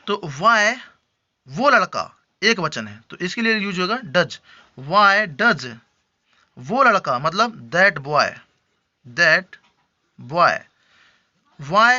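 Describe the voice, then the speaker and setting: A man from India teaching spoken English, explaining patiently with frequent check-ins and slow repeated example sentences. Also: high voice, sharp tone, clean tone. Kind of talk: Hindi-language English lesson. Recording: dull lo-fi recording.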